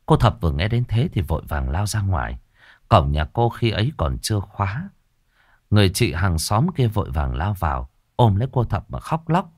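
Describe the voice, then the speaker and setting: A man telling a horror story, his low voice rising and falling with lively intonation. The delivery is measured and dramatic, recorded dry and close to the mic. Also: dry recording.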